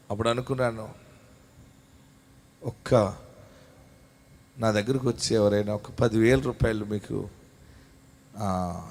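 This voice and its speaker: A man with a Telugu accent preaching a sermon as pastor, calling out to the congregation and telling personal stories, moving between loud shouted exhortation and quiet storytelling. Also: mid-range voice.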